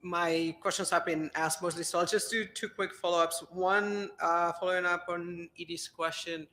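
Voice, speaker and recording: A man, a journalist, briskly asking a follow-up question at a press conference. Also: on the high side, sharp tone.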